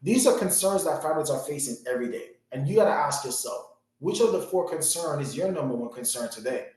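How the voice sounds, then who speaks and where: A man's voice: on the high side, lively intonation, a little fast, a little mellow, very echoey, low-quality recording. A man from Jamaica giving an earnest, motivational financial education talk, with many "you know" fillers. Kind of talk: webinar-style presentation.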